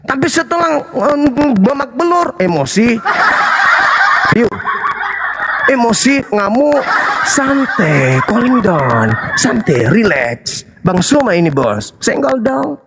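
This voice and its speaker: A man's voice: extremely high pitch, big pitch swings, slow pace, heavy background noise. A man with an Indonesian accent hosting an interfaith debate, talking in a combative, challenging, rhetorical way. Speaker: religious debate host and apologist. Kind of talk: heated live debate monologue.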